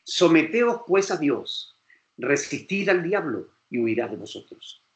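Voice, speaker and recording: Emphatic Spanish preacher, lively pitch. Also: male voice, unhurried, echoey room, muffled recording. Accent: Spain Spanish. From Spain. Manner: emphatic, acts out quoted voices. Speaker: pastor. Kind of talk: sermon lecture.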